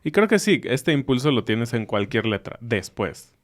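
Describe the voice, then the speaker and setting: A man's voice: mid-range voice, sing-song, normal speed. A man co-hosting a language podcast, explaining in casual teaching chat and repeating example words with emphasis. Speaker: podcast co-host.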